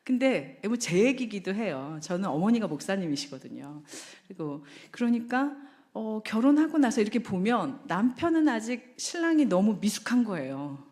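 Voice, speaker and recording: A woman's voice: mid-range voice, very animated, normal speed, a little mellow. A woman lecturing at a church marriage seminar, talking in a conversational way and asking the audience rhetorical questions.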